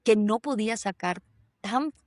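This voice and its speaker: Her mid-range voice has a darkish tone and lively intonation, moving a little slowly over a dry recording. She lives in Germany and hosts a podcast, musing conversationally with frequent fillers and restarts.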